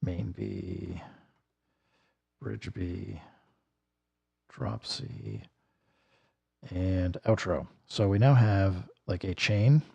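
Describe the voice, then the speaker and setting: A man's voice: low-pitched, animated, drawn-out words, gravelly, pauses often, warm tone, breathy edge, muffled recording. A man streaming while he builds a track, thinking aloud and correcting himself, his voice a little worn. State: slightly losing his voice. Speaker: music producer streaming. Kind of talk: casual livestream walkthrough. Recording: music playing behind.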